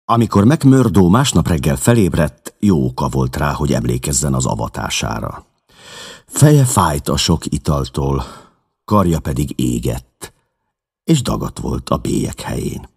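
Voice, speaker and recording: A man reading a novel aloud as narrator, with a dramatic, expressive delivery. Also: very deep voice, creaky, husky. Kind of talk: audiobook reading.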